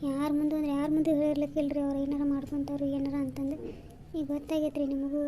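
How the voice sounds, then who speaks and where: Cartoon: woman voicing a quick, high-voiced, bossy village woman with a North Karnataka accent. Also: monotone, mellow, a little hiss or hum, close to an everyday voice. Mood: confiding. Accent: North Karnataka Kannada. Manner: brisk, bossy, reassuring. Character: chatty village woman consoling her friend. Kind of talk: cartoon comedy voice acting.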